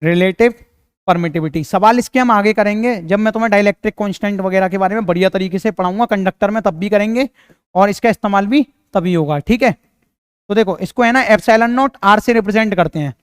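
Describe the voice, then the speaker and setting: A man's voice: sits high, fast, clean tone, dry recording, studio quality. A young man teaching physics in a casual, chatty lecture, talking straight to his students and joking with them. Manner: chatty, jokey, addresses students directly.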